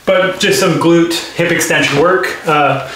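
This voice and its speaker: A man's voice: on the high side, a little slow, heavy background noise. Breathless man talking in an echoey gym. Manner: explains between sets, many fillers. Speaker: golf speed trainer. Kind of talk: casual training vlog commentary. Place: small gym room.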